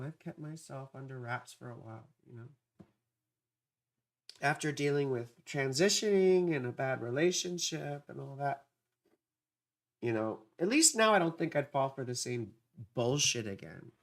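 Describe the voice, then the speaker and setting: Pitch swings widely in this astrology livestreamer's mid-range voice, which carries a dry, parched vocal fry and moves a little slowly. She chats with viewers playfully and scatteredly, often stopping for affectionate asides.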